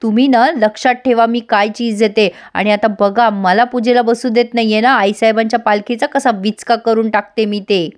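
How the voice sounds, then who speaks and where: A woman's voice: fairly even intonation, normal speed, hardly any pauses, close to an everyday voice. A woman voicing a jealous young daughter-in-law who scolds and taunts sarcastically, in a storytelling recap. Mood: resentful. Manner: shrill, quarrelsome, sarcastic. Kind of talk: storytelling recap with acted dialogue.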